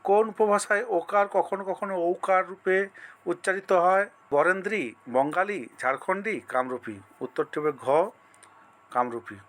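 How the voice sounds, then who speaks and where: A male teacher runs an exam-prep lesson in a high, fairly bright voice at normal speed. He reads out multiple-choice questions, lists each option, and then gives the answer.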